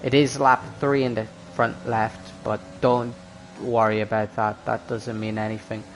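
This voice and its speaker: A man doing live motorsport race commentary as a commentator, excitable when the action picks up. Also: lowish voice, unhurried, slight background noise, poor audio.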